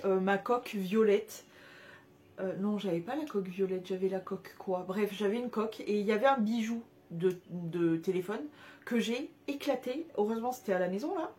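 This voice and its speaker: In a slightly mellow, mid-range voice, a young woman casually walks through her shopping haul. She fawns over the cute pieces, often using fillers and restarting her sentences.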